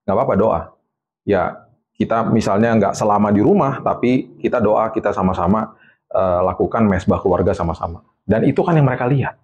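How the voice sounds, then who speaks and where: A middle-aged man, an evangelist, telling stories as a guest in a casual interview, in a lively, animated way. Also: lowish voice, a little fast, muffled recording.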